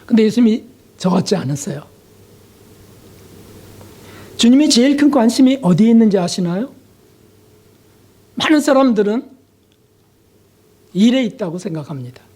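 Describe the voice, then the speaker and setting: Man preaching a heartfelt sermon, confessional tone, dramatic pauses and soft trailing endings. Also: high-pitched, big pitch swings, breathy edge. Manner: asks the congregation rhetorical questions. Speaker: pastor.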